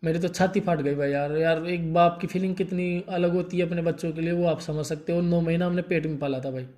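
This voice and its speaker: A young man telling a painful personal story in a halting, grief-stricken way, stopping often to soothe someone beside him. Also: a little high, fairly even intonation, darkish tone. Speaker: vlogger telling his story.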